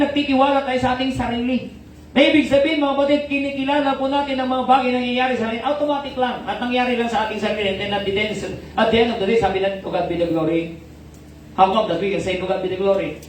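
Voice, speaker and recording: A male pastor with a Filipino accent preaching, mixing Tagalog and English, calling out "Amen?" and swinging between shouts and soft speech. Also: extremely high pitch. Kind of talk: sermon. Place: church hall. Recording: very echoey hall, mic at distance, faint noise.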